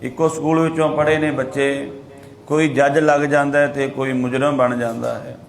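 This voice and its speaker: A man with a Punjabi accent giving a sermon, slowing right down to chant scripture verses and then explaining them in plain, everyday talk. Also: medium pitch, flat delivery, vocal fry, a little hiss or hum. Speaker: Sikh preacher giving scripture commentary.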